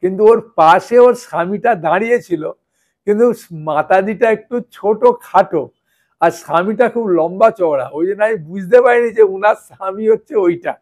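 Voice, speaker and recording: A Gita teacher leads a scripture class, explaining through stories and frequently checking in with his listeners. His voice sits high and is brisk and a little mellow.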